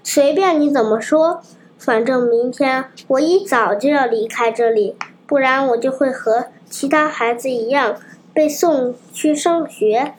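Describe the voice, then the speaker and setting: A woman's voice: sits high, measured pace, slight background noise. A woman reading a storybook, voicing a naughty, rude wooden puppet boy who talks brashly. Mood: defiant. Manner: brash, shouting, cheeky.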